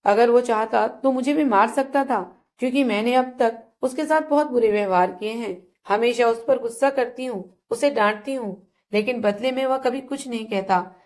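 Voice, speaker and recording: A young wife with a fierce temper, played by a woman storyteller in a told family drama. She scolds in short, harsh commands. Her voice is fairly high. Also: normal speed, darkish tone, close to an everyday voice. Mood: remorseful. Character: young wife, sharp-tempered, later remorseful.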